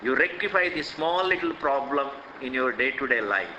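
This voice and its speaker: A man's voice: mid-range voice, expressive, normal speed, sharp tone, lo-fi sound, a little hiss or hum. An older man with an Indian accent giving a spiritual discourse, emphatic and repetitive, full of rhetorical questions, recorded in an echoey hall. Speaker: swami teaching scripture.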